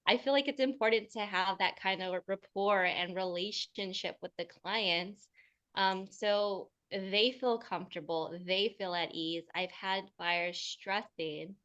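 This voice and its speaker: A woman's voice: medium pitch, measured pace, fairly bright tone, clear, resonant tone, muffled recording. A woman realtor hosting a seminar, talking in a friendly, chatty way over a video call.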